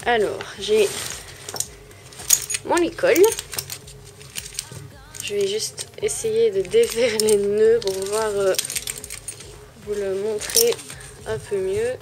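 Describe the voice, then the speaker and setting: A woman's voice: medium pitch, flat delivery, slow pace, noisy background. A woman, casually showing and explaining her things to viewers in an easygoing, self-deprecating way. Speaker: vlogger. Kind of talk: casual show-and-tell.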